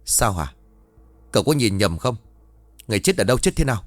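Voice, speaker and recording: A man's voice: on the low side, very animated, brisk, no echo, soft background music. Man voicing a firm old village chief. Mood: firm, calm. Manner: firm, authoritative instructions. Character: older male village chief, calm and commanding.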